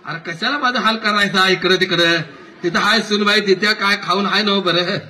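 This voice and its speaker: A man voicing a frail, grumbling old village father who talks slowly and complains. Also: high-pitched, sharp tone, slight background noise. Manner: slow, quavering complaints.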